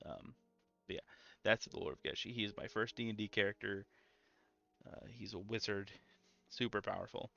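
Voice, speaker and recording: A young man streaming a game in a calm, low-energy, mellow way, full of ums and easy asides. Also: normal speed, creaky. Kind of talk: casual gameplay stream chat. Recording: slightly muffled lo-fi audio with faint music.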